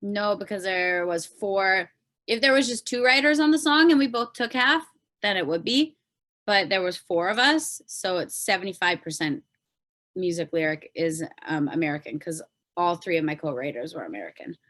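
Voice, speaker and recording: Appearing as a guest on a podcast, a Canadian-accented pop singer-songwriter explains things informally as she goes. She has a lowish, fairly bright voice with lively intonation and a moderate pace.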